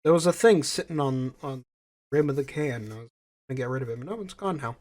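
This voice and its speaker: A young man hosts his own podcast solo, chatting casually into a home podcast microphone while stuffy-nosed from a cold. His mid-range voice is fast and a bit mellow, with no echo, and he rambles, repeating himself as he corrects his wording.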